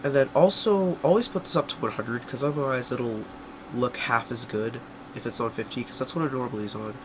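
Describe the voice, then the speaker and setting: Recorded on a home computer microphone over a distinct air-conditioning hum, a young man with a congested, cold-stricken voice explains software in a rambling, self-correcting way, with many fillers. His pitch is medium and his pace brisk.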